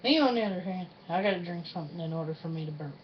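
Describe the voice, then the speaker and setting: A woman's voice: lowish voice, expressive, racing. A woman hosting a casual challenge vlog, chatting in an informal, folksy and self-deprecating way. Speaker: host of a challenge video. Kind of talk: casual vlog chat with a partner. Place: indoors at home, room with a refrigerator. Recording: dull lo-fi sound with faint noise.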